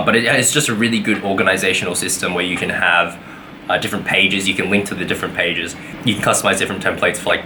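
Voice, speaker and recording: This young vlogger from Australia rambles through his weekly update, packed with fillers and corrections of himself. His low voice sounds pushed and bright, and there's a little hiss or hum in the audio.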